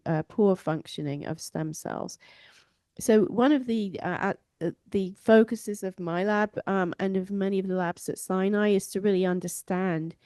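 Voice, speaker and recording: English woman, guest scientist, soft-edged mellow tone, addressing an audience, informal explanations, dry close sound. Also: fairly low pitch, no echo. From England. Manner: speaking in front of an audience. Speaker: stem cell biologist, guest speaker.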